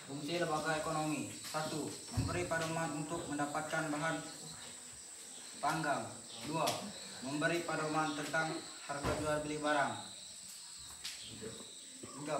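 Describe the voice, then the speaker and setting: Male student, reads numbered points, flat delivery, echoey classroom, far from mic. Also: a little high. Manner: numbered, steady reading. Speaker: student reading group conclusion. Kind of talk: reading a list aloud. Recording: echoey classroom, distant, noisy.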